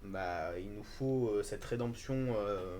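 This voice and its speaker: Low-voiced male pundit, faint background hum. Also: slow pace, a little mellow. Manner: hesitant, frequent fillers. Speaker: football pundit. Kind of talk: casual live-stream discussion.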